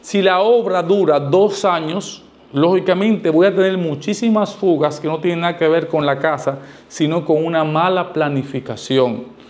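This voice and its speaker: A middle-aged man from the Dominican Republic, an architect giving advice, sits in a small indoor studio with a lavalier mic clipped to his shirt. His voice is a little high and a little mellow at normal speed. He explains things to camera emphatically and didactically, using rhetorical questions and repetition.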